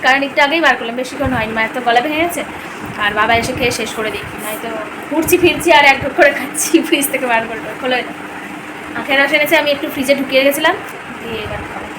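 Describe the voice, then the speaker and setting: A woman's voice: high voice, racing. A young woman, chatting casually about her chores at home for her daily vlog. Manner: chatty, rambling commentary on chores. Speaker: vlogger. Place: home in a village. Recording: noisy background.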